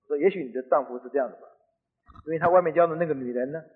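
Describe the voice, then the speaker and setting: A man's voice: on the high side, very fast, slightly rough. A middle-aged man preaching, telling a story earnestly and conversationally in a radio sermon. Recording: tinny phone-like radio broadcast with long reverb.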